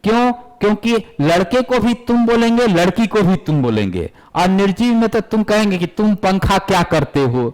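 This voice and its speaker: A man teaching a Sanskrit grammar lesson, chanting word forms in slow lists and urging his students directly. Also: sits high, lively intonation, darkish tone. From Bihar, India. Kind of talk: classroom lecture.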